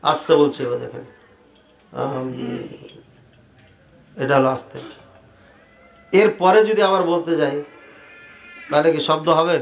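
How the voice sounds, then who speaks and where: A man preaching to a crowd, animated and rhetorical, asking the audience questions directly. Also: a little high, moderate pace, long pauses. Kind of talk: sermon debating prayer practice. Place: large hall with audience. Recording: echoey hall sound.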